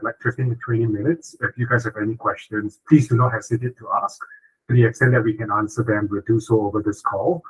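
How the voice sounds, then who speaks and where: A man's voice: medium pitch, a bit bright, slightly rough, low-quality recording. A man from Singapore, a corporate lawyer giving a webinar talk over a video call, fluent and tagging points with "right?". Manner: fluent, frequent "uh" and "right?" tags. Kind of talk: online webinar presentation.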